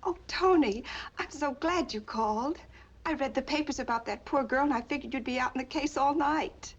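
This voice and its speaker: A woman's voice: high voice, normal speed, lightly acted. An actress playing a devoted, lonely policeman's wife in a 1940s film noir style. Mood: loving. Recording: dull old film soundtrack.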